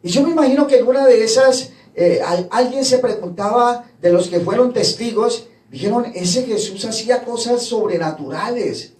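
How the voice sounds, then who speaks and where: A man's voice: very high-pitched, moderate pace, darkish tone. A man preaching a sermon, retelling gospel scenes and voicing the people in them. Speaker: pastor. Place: church hall. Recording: echoey church from far off.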